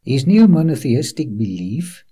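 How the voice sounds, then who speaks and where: Low, dark and a touch husky, the voice belongs to a man presenting a documentary at a slow, unhurried pace. His pitch swings broadly as he guides the viewer between places like a tour guide, talking to them earnestly and reassuringly as a friend. The scripted narration is punctuated by preaching asides.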